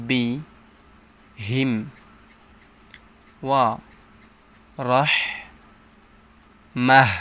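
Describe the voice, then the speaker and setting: A man's voice: medium pitch, fairly bright tone, clean tone. A man teaching Quran reading, sounding out syllables one at a time and explaining the tajweed rules patiently. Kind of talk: tajweed lesson, syllable-by-syllable recitation.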